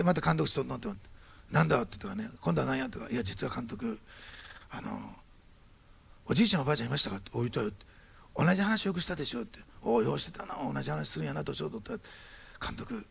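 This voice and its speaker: Speaking quickly in a deeply husky, gravelly voice, a preacher brings his story to life by voicing each character with big leaps in pitch. After this animated storytelling, his sermon moves into prayer.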